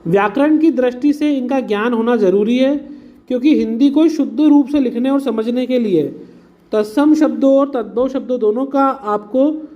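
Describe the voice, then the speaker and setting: A man's voice: extremely high pitch, normal speed, lo-fi sound. A man teaching an exam-prep lesson, explaining patiently, mixing in English words and calling his students "beta". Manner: mixes English words into Hindi.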